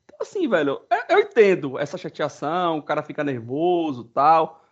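Animated slangy man, husky dull audio. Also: fairly high pitch, fairly quick. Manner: slangy, swears freely, animated storytelling. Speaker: podcast co-host, football fan. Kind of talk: casual chat.

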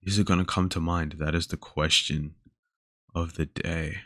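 A man's voice: low-pitched, fairly even intonation, normal speed, fairly bright tone, no room sound. A young Australian man hosting a casual solo podcast, rambling with lots of fillers and trailing off mid-thought. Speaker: podcast host. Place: indoors talking alone to a camera.

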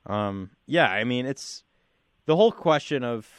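A man's voice: mid-range voice, expressive, unhurried, clean tone, no echo. A man hosting a radio sports talk show, speaking casually and using plenty of fillers. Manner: chatty, filler-heavy. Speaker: radio host. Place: radio studio.

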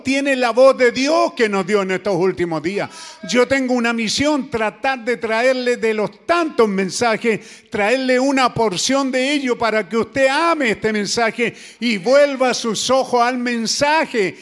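A man preaching, with a notably high voice. He speaks earnestly and keeps turning to his listeners with rhetorical questions. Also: measured pace. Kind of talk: sermon.

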